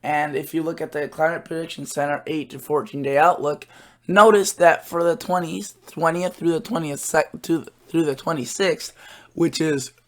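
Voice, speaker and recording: A slightly hoarse man with a somewhat high, steady voice hosts his own weather channel. He explains the forecast charts casually, stopping and starting and leaning on lots of filler words.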